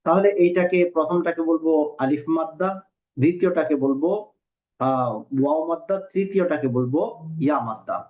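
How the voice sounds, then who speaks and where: Man, Quran reading teacher, patient, repeats rules slowly, raised pitch, dull lo-fi audio. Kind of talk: recorded online lesson. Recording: dull lo-fi recording.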